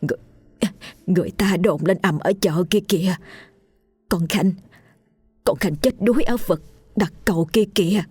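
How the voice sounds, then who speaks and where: Frantic middle-aged village wife, shrill and stammering, read by a woman. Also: normal speed, long pauses, a little mellow, breathy edge, faint music behind.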